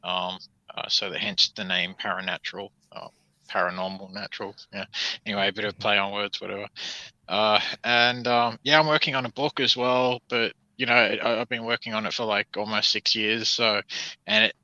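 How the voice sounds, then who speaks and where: A man's voice: lowish voice, fairly even intonation, normal speed, sharp tone, no room sound. A man, talking casually with many fillers as a podcast guest. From Sydney, Australia. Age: 40s. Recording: dry, dull lo-fi line.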